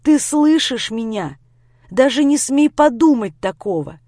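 A woman's voice: medium pitch, animated, moderate pace, a little mellow, dry recording, clean studio sound, natural voice. A woman voicing a young man who pleads with and soothes his upset girlfriend. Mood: pleading.

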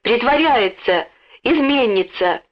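A woman voicing an excitable young boy, shrill and hot-headed. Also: slow pace. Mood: furious. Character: excitable young schoolboy, quick-tempered. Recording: dull lo-fi recording.

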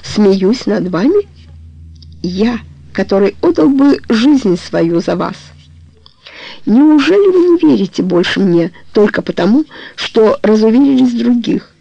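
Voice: medium pitch, expressive, measured pace, creaky, dry recording, lo-fi sound. Reader voicing an ardent, devoted suitor. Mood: pleading. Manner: soft, then heated and insistent. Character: devoted, ardent man pleading for her hand.

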